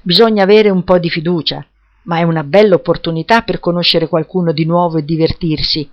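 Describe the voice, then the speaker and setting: A woman's voice: fairly low pitch, fairly even intonation, a little fast, muffled recording, lightly acted. A woman voicing an upbeat young woman. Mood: cheerful. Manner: eager, encouraging.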